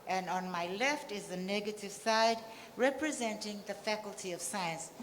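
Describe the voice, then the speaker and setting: A woman's voice: medium pitch, normal speed. A woman chairing a debate with formal announcements. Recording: echoey hall with faint background noise.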